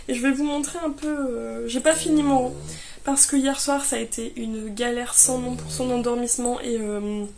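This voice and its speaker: A fairly high-voiced young woman talks through her knitting projects in a loose, halting way, full of fillers and restarts. She sounds a little tired, and a faint hiss sits under the recording. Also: gravelly, darkish tone. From France. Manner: hesitant, many fillers and restarts. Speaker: knitting vlogger. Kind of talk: casual chat.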